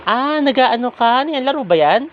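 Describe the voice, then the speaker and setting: A man's voice: very high-pitched, animated, fairly quick. A man filming a casual home vlog, asking playful, teasing questions. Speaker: vlogger. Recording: dull home video sound, faint hiss.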